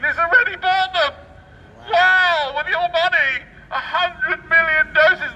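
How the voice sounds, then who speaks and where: A man with a very high, pushed, bright voice reads the news as satirical street oratory, full of theatrical, sarcastic mock enthusiasm. A distant outdoor mic captures him along with faint street noise.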